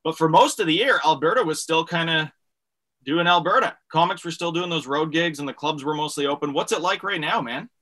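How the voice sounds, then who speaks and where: A man's voice: fairly high pitch, a little fast, pushed and bright. A man hosting a casual comedy interview, chatty and wordy in an informal way. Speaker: comedy show host.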